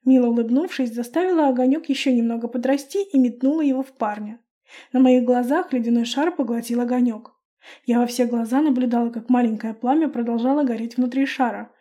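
A woman narrating a first-person fantasy audiobook with a lively, expressive reading. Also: a little high, brisk.

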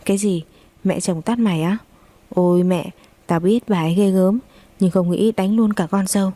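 A woman's voice: mid-range voice, steady tone, moderate pace, mellow, dry recording, close to an everyday voice. A woman voicing a blunt but caring older female friend on the phone in a story reading. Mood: concerned. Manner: blunt, direct.

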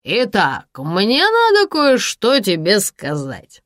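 A woman's voice: medium pitch, huge pitch swings, takes it slowly, dry recording, clean studio sound, pitched above the performer's own voice, exaggerated voice. A woman reading an audiobook, voicing a drunken, boastful ruined man who slurs his words theatrically. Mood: drunk, mocking. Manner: slurred, theatrical, loud. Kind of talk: audiobook character voice.

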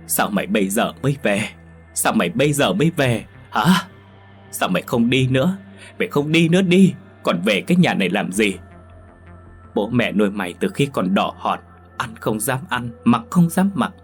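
A man voicing a sobbing scolding old mother. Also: fairly bright tone. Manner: sobbing, reproachful, shrill outbursts. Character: grieving aging mother, scolding her son through sobs.

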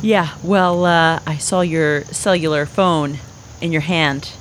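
A woman's voice: low-pitched, steady tone, takes it slowly. Woman playing an officious traffic cop, noisy background. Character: officious, easily distracted police officer. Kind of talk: improvised comedy scene.

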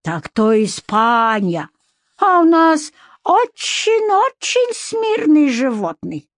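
Abdurakhman, a squeaky excitable shopkeeper, as a woman puts him on. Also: takes it slowly, no echo, clean studio sound, full character voice. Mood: excited, pleading. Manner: high, squealing, broken grammar. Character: excitable male shopkeeper with broken speech, thin voice.

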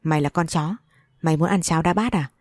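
A woman's voice: sits low, fast, a little mellow, dry recording, clean studio sound. A woman voicing a harsh, abusive middle-aged father in an audiobook story, hurling insults and accusations.

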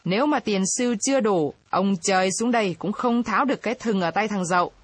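Woman doing a drawling greedy village chief, husky voice. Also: mid-range voice, quick pace, no room sound, natural voice. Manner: drawling, boastful.

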